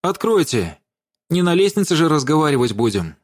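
A man's voice: fairly high pitch, sing-song, brisk, pitched above the performer's own voice. A man voicing a scrawny, sickly man who demands entry insistently. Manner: demanding and pushy.

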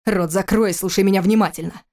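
A woman's voice: medium pitch, steady tone, fast, a little mellow, lightly acted. A woman voicing a cold, furious adult husband in an audiobook, speaking in a harsh, clipped, contemptuous way. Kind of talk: audiobook character reading.

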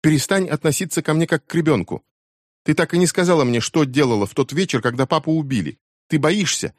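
A man voicing an angry, grieving teenage girl who hurls quick, shrill accusations at her mother. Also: a little mellow, dry recording, studio quality, close to an everyday voice. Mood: accusing. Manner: shrill, fast accusing outbursts.

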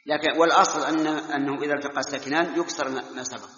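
Man, scholarly teacher, quizzes his students, somewhat high voice, echoey hall, muffled old recording. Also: fairly even intonation, racing, pushed and bright. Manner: quizzes students, chides them for forgetting. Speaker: Islamic scholar teaching Quran commentary. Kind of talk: classroom lesson with questions to students. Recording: echoey hall, dull lo-fi lecture tape.

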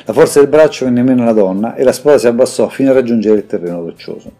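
A man reading a dark fantasy audiobook in a steady, measured narrating voice, with faint music underneath. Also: mid-range voice. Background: faint background music.

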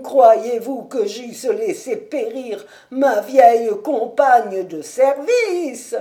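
A woman voicing a frantic, loyal old male servant who cries out in drawn-out, breathless wails. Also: a little high, animated, dark tone. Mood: pleading.

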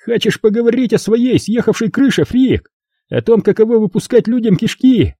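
Male reader voicing a loud, sneering teen bully; high-pitched, lively, husky. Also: normal speed, no echo, studio quality, exaggerated voice. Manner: mocking, theatrical taunting. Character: sneering teenage boy bully, loud and crude.

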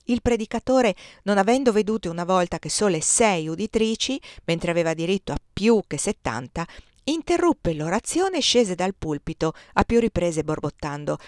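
A woman reading a historical memoir aloud in an expressive, measured storytelling manner. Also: medium pitch, dry recording, studio quality. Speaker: reader.

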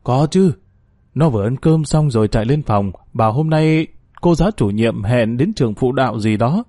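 A man's voice: mid-range voice, lively intonation, fairly quick, mellow, no echo, clean studio sound. A man narrating a ghost story in a scripted reading, giving the characters small acted shifts.

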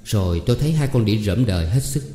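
Dark-voiced male audiobook reader. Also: fairly low pitch, expressive, fast, a little hiss or hum. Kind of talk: scripted narration of a novel. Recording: echoey room with long reverb.

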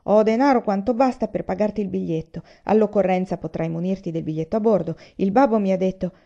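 A stern young man speaks firmly and urgently, as a woman reads him aloud in an audiobook. The voice is mellow and a bit dark. The recording sounds slightly muffled. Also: mid-range voice, fast talker, vocal fry. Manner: firm, urgent, commanding. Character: stern young Chinese man returning home.

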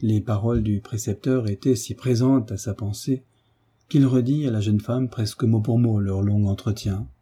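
A man narrating a classic novel as an audiobook, in a steady, measured way. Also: on the low side, husky.

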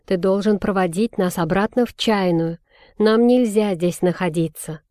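Woman reader doing a feisty young girl, sharp and commanding, snappy orders, dry close sound, storybook audiobook. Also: medium pitch, moderate pace, no echo, natural voice.

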